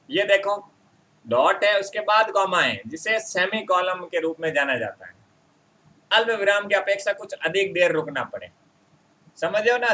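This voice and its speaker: Male grammar tutor, high and bright voice, chatty exam-prep teaching that drags out example sentences. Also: rough recording. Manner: addresses viewers as friends, repeats example sentences slowly.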